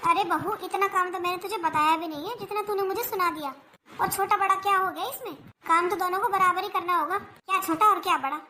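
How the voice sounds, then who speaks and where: Skit figure: high, bright voice doing a grumbling older mother-in-law, complaining and self-pitying, faint hiss behind. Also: quick pace. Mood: scolding. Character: nagging older mother-in-law with aching knees. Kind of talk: family comedy skit.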